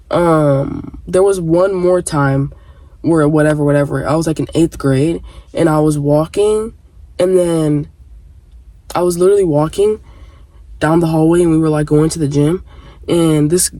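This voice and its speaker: Rambling young woman, mellow and dry. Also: deep voice, dry recording. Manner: rambling, full of fillers and "whatever", blunt and profane. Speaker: vlogger. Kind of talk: casual storytelling to camera.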